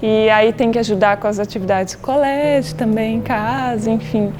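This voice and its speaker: A woman's voice: fairly high pitch, steady tone, normal speed, noisy background. Woman in her thirties, Brazilian accent. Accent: Brazilian Portuguese. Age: 30s. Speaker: health worker. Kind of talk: documentary interview.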